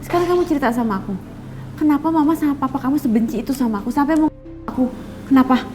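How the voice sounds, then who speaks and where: Woman playing young girlfriend, TV soap, insistent, pressing, high voice, fast talking. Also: a little mellow, faint music behind, close to an everyday voice. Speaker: actress in a TV soap. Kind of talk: TV soap acting.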